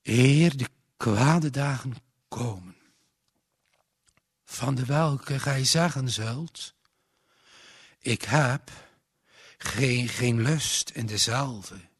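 A man voicing a frail, dying old gentleman who speaks slowly and tenderly, giving a pious blessing in solemn biblical language. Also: medium pitch, husky, no room sound, studio quality, exaggerated voice. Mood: weary blessing. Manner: slow, weary, blessing in solemn biblical phrasing.

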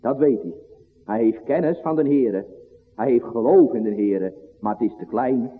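A man preaching a sermon, his delivery swinging from loud to hushed in an old-fashioned cadence. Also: mid-range voice, moderate pace. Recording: phone-like line in a long-reverb church.

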